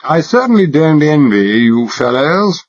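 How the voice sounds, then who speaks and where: Here the same kind of role, a male undercover agent faking a posh English secretary, is voiced by a man with a fairly high, sing-song delivery pushed up from his natural voice, speaking a little slowly. He chatters in an affected, fussy, mock-polite manner with an exaggerated upper-class English accent, and the lo-fi recording sounds dull.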